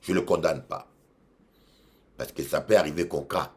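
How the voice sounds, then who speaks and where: A bishop with a Congolese French accent preaches a sermon in a rumbling low voice at normal speed. He's emphatic, repeats his phrases, and swings between loud and quiet.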